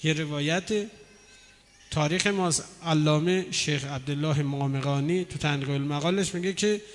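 A man delivering a dramatic sermon, telling stories and voicing the people in them. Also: on the high side. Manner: dramatic storytelling, voicing quoted figures. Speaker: preacher. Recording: long hall reverb.

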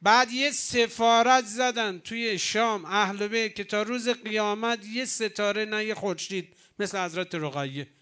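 A man's voice: high voice, pushed and bright, smooth. A man preaching a religious sermon from the pulpit, emphatic and rising to exclamations, retelling old dialogues.

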